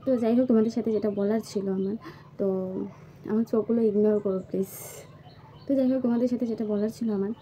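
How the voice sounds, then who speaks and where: A woman's voice: a little high, steady tone, quick pace, pauses often. A woman vlogger from Assam talking casually to her viewers at home, hesitant and full of fillers and restarts. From Assam, India. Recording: slightly dull recording with faint background noise.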